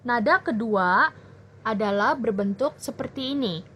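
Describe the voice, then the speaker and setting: A young woman tutoring children in a language lesson, explaining clearly and patiently. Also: a little high, animated, sharp tone, slight background noise. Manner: slow, clear teacherly explaining. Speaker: Mandarin tutor.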